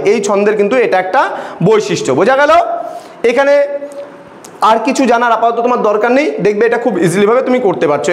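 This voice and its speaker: A man's voice: extremely high pitch, roomy sound. A male tutor teaching a classroom lesson, patient, asking his students questions and repeating points.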